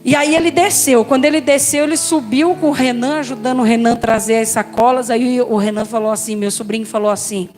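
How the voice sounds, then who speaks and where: High-voiced Brazilian woman pastor testifying. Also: brisk, few pauses. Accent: Brazilian Portuguese. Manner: lively storyteller, addresses listeners as brothers and sisters. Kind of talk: personal testimony in a sermon.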